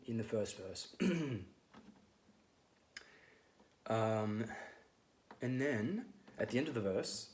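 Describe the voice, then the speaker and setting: A man with a hoarse voice giving a relaxed guitar lesson, rambling with many fillers as he explains the chords. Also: on the low side, drawn-out words, pauses often, a little hiss or hum. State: losing his voice. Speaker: guitar teacher. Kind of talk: casual guitar tutorial. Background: his own loud acoustic guitar playing.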